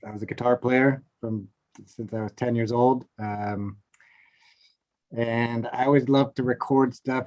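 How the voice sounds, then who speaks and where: A middle-aged man from Seattle, a film composer, telling his story in a relaxed, rambling way over a video call. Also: medium pitch. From Seattle, USA. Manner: relaxed, rambling with many fillers. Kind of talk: casual video-call chat. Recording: dull lo-fi call audio.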